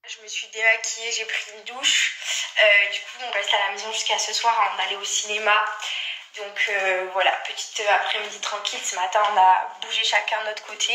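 A woman's voice: medium pitch, level tone, normal speed, pushed and bright, a little hiss or hum. A young woman vlogging casually to camera, gushing and chatty.

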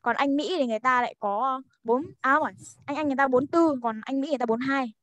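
A young woman talks very fast over a video call, her voice a little high. She explains things eagerly and rambles, full of fillers, in a dry, close sound with almost no room echo. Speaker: study group member. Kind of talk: casual explaining chat.

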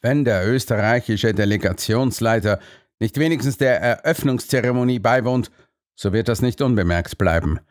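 Ein Mann, der in einem Hörbuch einen strengen, ungeduldigen älteren Kanzler spricht, herrisch und befehlend. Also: male voice, fairly low pitch, no echo, clean studio sound, lightly acted.

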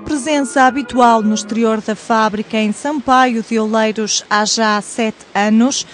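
Portuguese woman reading a news voice-over. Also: on the high side. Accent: European Portuguese. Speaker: news reporter.

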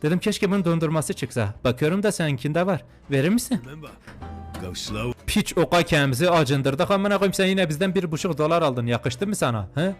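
A young man giving crude, joking commentary while playing a video game, swinging between muttered remarks and mock-outraged shouting. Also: fairly high pitch, expressive, brisk, few pauses, soft background music. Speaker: gaming YouTuber. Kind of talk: comedic let's-play commentary.

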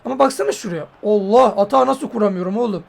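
A man giving casual, joking commentary on a football game he is playing, yelling at his players. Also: high voice, fast talker, gravelly. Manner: excitable, joking, swears and yells at players. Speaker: mobile football gamer.

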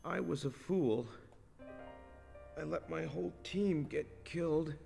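An actor playing a guilt-ridden, badly wounded man in a video game, gasping and halting as he speaks. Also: fairly high pitch, creaky, music in the background, heavily acted. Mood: guilty, anguished.

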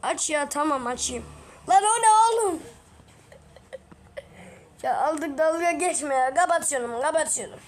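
A woman voicing several characters in a game video, excitable and teasing, full of exclamations. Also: high-pitched, a little slow, long pauses, slight background noise. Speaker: gaming video creator.

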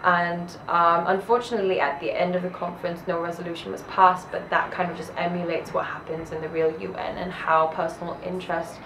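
Young woman, articulate and thoughtful, lowish voice, roomy sound with clear ambient noise. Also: flat delivery, a little fast, hardly any pauses. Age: young adult. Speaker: student. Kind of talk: interview.

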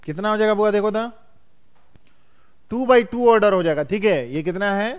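Male math teacher, high and clear, classroom lecture full of questions to students. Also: normal speed. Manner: quizzes students constantly, calls them "बउआ".

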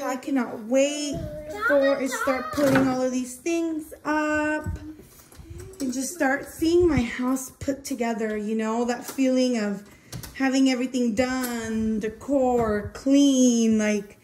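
A woman's voice: high voice, poor audio. A young woman and mother talking casually to the camera at home, chatty and giggly, rambling with lots of fillers. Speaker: vlogger and mother. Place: home during a move, indoors.

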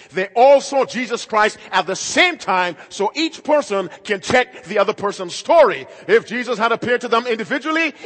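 A middle-aged male pastor preaching a sermon emphatically, moving between loud and quiet passages. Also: high-pitched. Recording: long hall reverb.

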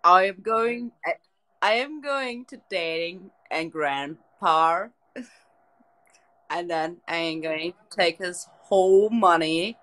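On a late-night stream from her bed, a young woman from Germany chats with viewers in a relaxed way, phone held near her mouth. Her pitch is fairly low, her German accent is clear, she speaks slowly, and the recording sounds rough.

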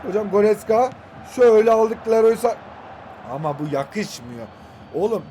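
A young man in his twenties narrates his football video game match as it happens. His voice sits very high, and he keeps talking to the players on screen, now and then shouting their names. Faint noise runs under the recording. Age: 20s. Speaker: gaming YouTuber. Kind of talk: excited live gameplay commentary.

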